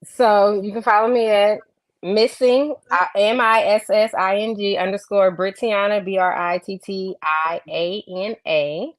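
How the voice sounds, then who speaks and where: A chatty woman from Los Angeles talks loosely and laughs easily as a guest on a casual show. Her voice sits at an ordinary middle pitch. The sound is dry and close, with no room around it. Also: fairly even intonation, measured pace, no echo. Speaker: guest instructor. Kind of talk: casual chat.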